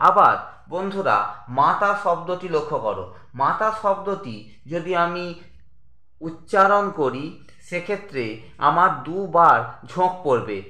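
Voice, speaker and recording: Male teacher with a bright voice, slightly high, slow and deliberate, explaining with examples. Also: expressive, roomy sound. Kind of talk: grammar lesson.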